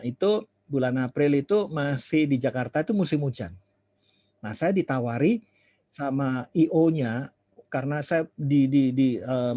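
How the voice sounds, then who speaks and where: Husky preacher telling a story. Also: male voice, mid-range voice, dry recording. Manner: chatty, animated, acts out dialogue, drops English phrases. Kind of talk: storytelling sermon. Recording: dull lo-fi sermon recording.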